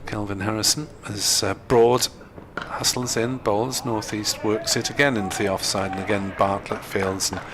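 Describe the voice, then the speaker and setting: A man's voice: on the low side, steady tone, moderate pace, hardly any pauses, background noise. Male cricket commentator over ground ambience. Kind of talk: live cricket radio-style commentary.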